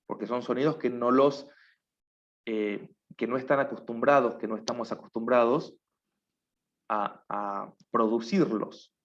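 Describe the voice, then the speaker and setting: A man's voice: mid-range voice, fairly even intonation, a little slow, dull audio. A man teaching a class, explaining patiently and often stopping to check that his students follow. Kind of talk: online class lecture.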